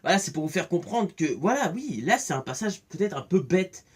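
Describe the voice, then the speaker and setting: A talkative man giving a casual, rambling spoken review, excitable and full of restarts. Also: high-pitched, a little fast, husky. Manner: chatty, rambling, many restarts and fillers; excitable, acts out scenes with voices. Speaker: film and series reviewer.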